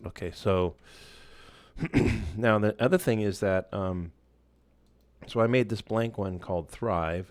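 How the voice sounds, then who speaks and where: A low-pitched male instructor guides viewers through a piece of software in an informal screen-share session. There's no room sound, and he talks in a loose, laid-back way with frequent fillers and false starts.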